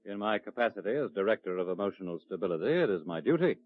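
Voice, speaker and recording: In a 1950s radio drama, an actor plays a cold, controlling state official who is smug and icily sarcastic. His lowish voice is fast and sing-song, and the vintage broadcast sounds dry and muffled.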